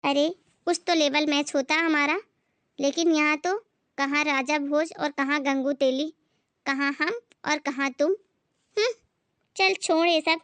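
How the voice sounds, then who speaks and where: A woman's voice: high-pitched, a bit bright, no room sound. A woman voicing a bossy, haughty middle-aged mother-in-law who scolds and talks down, in a moral story drama. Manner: scolding, condescending. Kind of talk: Hindi moral story voice acting.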